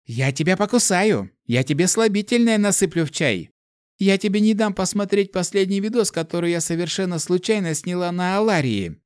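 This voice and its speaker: A man voicing a hot-tempered dragon elemental in the form of a young girl, shouting and swearing. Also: sits high, lively intonation, a little fast, smooth, no room sound, studio quality, voice pushed up. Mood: bratty.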